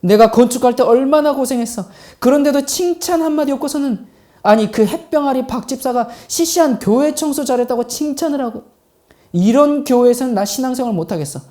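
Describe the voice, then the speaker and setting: A man's voice: extremely high pitch, fairly quick, warm tone. A man preaching who mimics a longtime church deacon huffing and complaining about being overlooked. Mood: aggrieved. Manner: huffy complaining, aggrieved.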